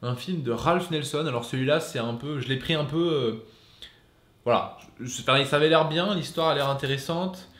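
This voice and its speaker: A man's voice: a little high, moderate pace, a bit bright. Hesitant man in an echoey room. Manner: hesitant, many fillers and restarts. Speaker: film collector vlogger. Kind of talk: casual chat.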